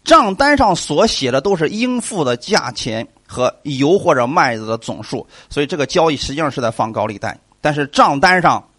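Man, preacher, sermon, asks and answers his own questions, lively pitch, dry close sound. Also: moderate pace, few pauses, no echo. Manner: animated, asks the congregation questions and answers them.

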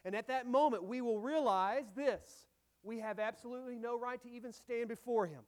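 Man, pastor, sermon, high voice, earnest, soft trailing phrase ends. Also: a little fast. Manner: earnest, swinging between emphatic lines and soft, dropped phrase endings.

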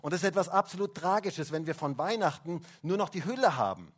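A man's voice: fairly high pitch, animated, fairly quick, slightly rough. A man preaching a Christmas sermon in a church service, chatting with the children and often tagging questions with "hä?". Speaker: pastor. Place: church service, also livestreamed.

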